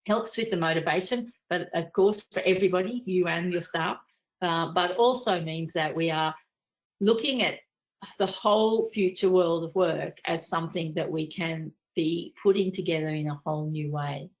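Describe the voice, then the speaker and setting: Older Australian woman giving measured management advice. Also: lowish voice, low-quality recording. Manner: practical, measured, advisory. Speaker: leadership trainer. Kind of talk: training presentation.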